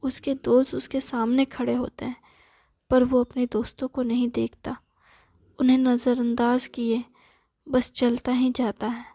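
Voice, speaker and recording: A woman narrates a romantic story in a soft, half-whispered reading voice. Her pitch is high yet flat, and her unhurried delivery has a gravelly, dark tone in a dry, close sound. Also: dry recording.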